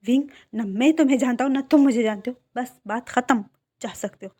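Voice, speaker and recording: A cold young man who keeps his words short and his voice low and quiet, as a woman puts him on. He comes across as clipped and distant in a read-aloud fan story. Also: fairly quick, lightly acted.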